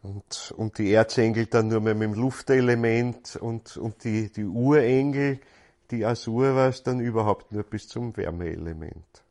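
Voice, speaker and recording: A man's voice: fairly low pitch, a little slow, a little mellow. A man gives a spiritual lecture in a thoughtful, searching way, often repeating words as he goes.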